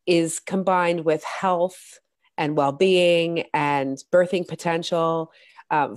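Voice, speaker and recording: A woman guest on a video call, nasal and congested from illness, talking slowly and reflectively about spiritual matters. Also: sits low, dry recording, clean studio sound. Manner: slow, reflective, soft-spoken. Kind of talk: spiritual talk in an interview.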